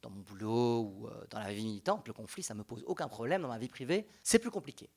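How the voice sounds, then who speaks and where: A young panel speaker at a public talk carries a Belgian French accent and a gravelly, medium-pitched voice. He talks fast, animated and conversational, and frequently begins his sentences again.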